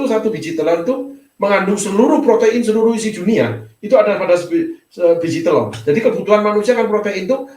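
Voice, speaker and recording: Male pastor, high voice, conversational storytelling sermon, roomy sound from a distant mic. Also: a little mellow. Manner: conversational storytelling preaching, often addressing the congregation as "saudaraku". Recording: echoey room, mic at a distance.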